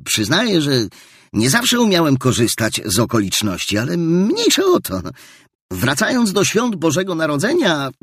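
A ringing, eager young nephew with a high, lively voice, as a male narrator puts him on. His voice is a little husky and sounds dry and close to the mic, as in a storybook reading. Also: no echo, exaggerated voice. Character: cheerful young man, warm-hearted nephew.

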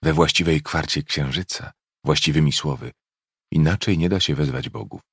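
A man voicing an old, grim but protective enslaved African woman in a slow, hushed whispered role-play. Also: extremely low pitch, slightly rough, no room sound, clean studio sound, heavily acted. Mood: tender.

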